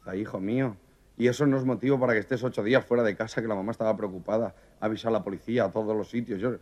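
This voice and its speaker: A man voicing a doting, worried mother who talks in a soft, soothing, fussing way. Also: fairly low pitch, steady tone, racing, muffled recording, voice pushed down, natural voice. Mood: fond worried.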